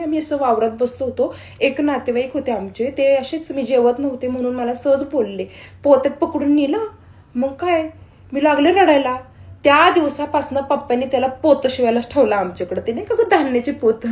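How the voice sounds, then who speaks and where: Young woman comic, high bright voice, boastful tall-tale sketch delivery, echoey room sound. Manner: boastful, tall-tale exaggeration with deadpan punchlines. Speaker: comedy creator. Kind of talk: comic bragging sketch monologue. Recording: roomy echo.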